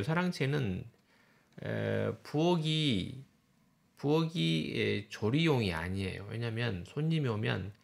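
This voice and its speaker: Gravelly low-voiced male professor lecturing. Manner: explanatory, points things out on slides with short remarks. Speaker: university professor. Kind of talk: classroom lecture over slides.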